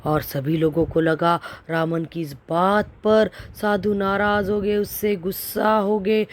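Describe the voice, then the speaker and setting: Woman teacher narrating for kids, very slow, repeats things in easier words. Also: medium pitch, steady tone. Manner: explains by restating words with synonyms. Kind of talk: storytelling lesson for children.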